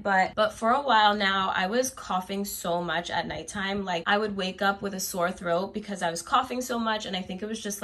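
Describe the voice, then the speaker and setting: A woman's voice: mid-range voice, fairly bright tone. A young woman with a stuffy, congested voice shows off her favorite things in an upbeat, chatty way. She walks from room to room of her apartment while she talks, like a casual lifestyle vlogger. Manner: chatty and enthusiastic, walking around. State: congested from a cold. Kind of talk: casual home vlog walkthrough. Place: apartment indoors.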